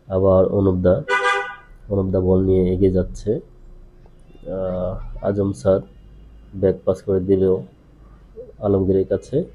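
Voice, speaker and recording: A man improvising play-by-play football commentary as an amateur, halting and repetitive, with frequent hesitations as he passes from name to name. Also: low-pitched, narrow, tinny audio.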